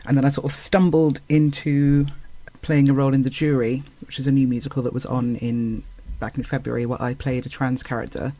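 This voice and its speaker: A man's voice: medium pitch, level tone, a little fast, hardly any pauses, dark tone. A man, an actor and singer, talking as a podcast guest in a thoughtful, hesitant way with many fillers. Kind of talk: casual conversation.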